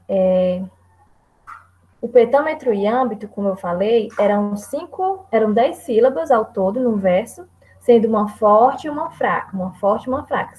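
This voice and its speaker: A woman's voice: fairly high pitch, low-quality recording. A woman with a Brazilian Portuguese accent giving a hesitant classroom presentation on poetry, full of fillers and restarts. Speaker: student presenter.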